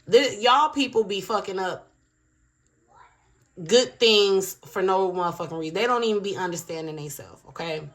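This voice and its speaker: A woman's voice: mid-range voice, normal speed, a bit bright. A woman giving a casual tarot reading to her viewers, blunt and profane, with chatty asides. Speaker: tarot reader.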